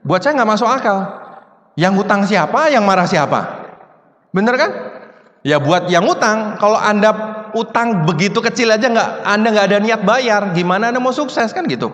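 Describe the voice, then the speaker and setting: A man's voice: high-pitched, expressive, normal speed, a bit bright. A man giving a motivational seminar talk to an audience, in a casual, chatty way full of rhetorical questions. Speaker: motivational speaker. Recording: long hall reverb.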